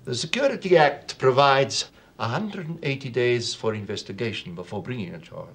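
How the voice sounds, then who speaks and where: A smug, taunting interrogator. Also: male voice, medium pitch, animated, moderate pace, fairly bright tone, slightly rough. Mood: menacing mockery. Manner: mocking, coolly bureaucratic. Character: smug menacing apartheid-era male police interrogator. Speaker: security police interrogator.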